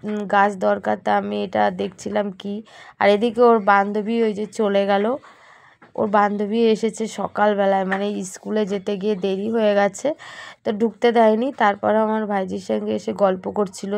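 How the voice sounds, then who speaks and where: A woman's voice: mid-range voice, vocal fry. A woman narrating her day in a chatty, casual vlog. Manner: chatty storytelling, even-toned.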